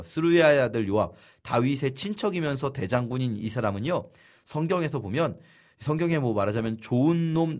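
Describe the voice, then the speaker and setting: A man teaching a Bible study lesson in a lively storytelling way, acting out the figures' lines. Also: medium pitch.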